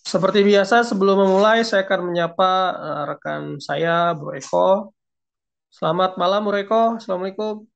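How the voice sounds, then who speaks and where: A man co-hosting an online talk show over a video call, his voice breaking up on a bad connection, pausing with hesitant fillers. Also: high-pitched, vocal fry, lo-fi sound. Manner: hesitant, fills pauses with "eh". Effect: voice breaking up over an unstable internet call. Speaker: co-host.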